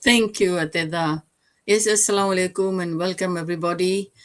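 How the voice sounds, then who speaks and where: A woman's voice: fairly low pitch, steady tone, fairly quick. A retired woman from Fiji in her sixties, a mentor giving a brief, polite introduction on a livestream. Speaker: business mentor. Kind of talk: casual livestream chat.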